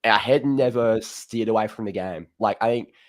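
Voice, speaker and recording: Laid-back Australian man, lowish voice. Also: moderate pace. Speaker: host of a fan call-in show. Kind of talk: casual footy chat.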